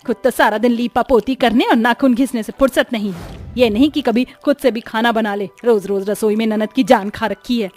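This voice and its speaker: A woman playing a sharp-tongued middle-aged mother-in-law in a cartoon family tale, forever scolding and sneering. Her voice sits fairly high, with faint music beneath. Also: moderate pace, lightly acted. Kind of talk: cartoon story voice acting.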